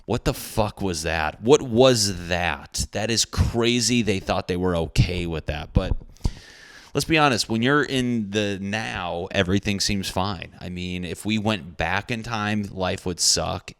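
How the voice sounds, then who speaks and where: Deep-voiced man rambling on his podcast. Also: a little slow, a bit bright, no echo, clean studio sound. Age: 30s. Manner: rambling, crude and self-mocking. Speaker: podcast host. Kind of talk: casual solo podcast monologue.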